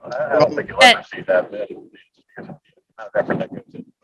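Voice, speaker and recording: A man's voice: on the high side, wildly swooping pitch, quick pace, sharp tone. A man, a commercial builder, explaining things with wry asides while heard over a conference call line. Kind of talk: casual panel discussion. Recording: distant muffled noisy call audio.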